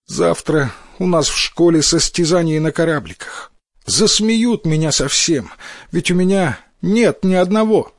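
A man's voice: a little high, sing-song, a little slow, no echo, clean studio sound, voice pushed up. A man voicing a sad, timid young boy in a fairy tale, speaking plaintively. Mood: glum.

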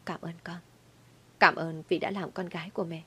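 Soft whispery young mom, gentle and scared , woman voicing her. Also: fairly low pitch, steady tone, quick pace, slightly rough, full character voice. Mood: tender whisper. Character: frightened, gentle young wife and mother.

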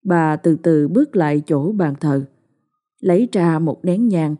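Low-voiced woman narrating a ghost story. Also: dark tone. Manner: slow, ominous storytelling. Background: faint music.

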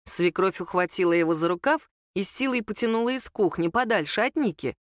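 A woman narrating a story aloud in a steady, intimate manner. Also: medium pitch, brisk, dry recording, studio quality. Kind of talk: audiobook story reading.

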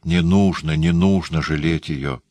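Audiobook role: a male reader as a resigned young woman, soft and quiet, dry close recording. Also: extremely low pitch, measured pace, dry recording. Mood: sorrowful. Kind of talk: audiobook character reading.

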